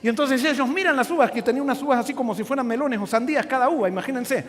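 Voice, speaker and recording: A male pastor preaching a sermon, telling a Bible story in a lively way, asking and answering his own questions. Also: very high-pitched, racing. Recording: long hall reverb.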